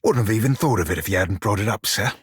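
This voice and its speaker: Serafen, husky swaggering rogue. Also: male voice, on the low side, fast talker, dry recording, clean studio sound. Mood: wry, conversational. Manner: salty archaic sailor slang, cocky and teasing. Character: swaggering, foul-mouthed blue-furred male pirate shiphunter, roguish. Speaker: video game companion character. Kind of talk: video game character dialogue and barks.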